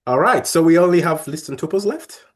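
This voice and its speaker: A man's voice: on the high side, lively intonation, brisk. A young man leading a coding workshop, explaining each step in a friendly way with many fillers and restarts. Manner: friendly, talks through steps with frequent fillers and restarts. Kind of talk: live coding tutorial.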